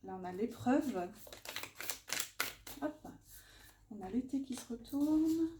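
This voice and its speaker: A woman's voice: on the high side, lively intonation, takes it slowly. A woman doing a casual oracle card reading, chatty, muttering to herself with many fillers as she lays out the cards. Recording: echoey room with faint noise.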